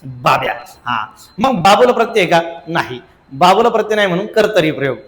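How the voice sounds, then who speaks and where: A man's voice: high voice, sing-song, fairly quick, fairly bright tone, reverberant, long reverb tail. A man teaching an exam-prep grammar lesson, chanting rules over and over with strong emphasis and a singsong rhythm.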